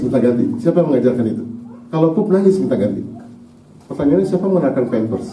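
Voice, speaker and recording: A man's voice: medium pitch, warm tone, a little hiss or hum. A man with an Indonesian accent giving a conversational Islamic parenting lecture to parents in a mosque, often checking in with the audience. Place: mosque hall. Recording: echoey hall, recorded from a distance.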